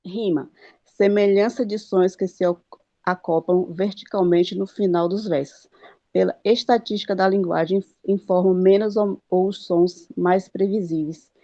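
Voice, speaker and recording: A woman with a Brazilian Portuguese accent reads her class notes on metre, pausing and stumbling over terms. Her voice is mellow and dull-toned, recorded dry and lo-fi. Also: medium pitch, steady tone, no echo. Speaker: student presenter. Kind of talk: class presentation on metrics.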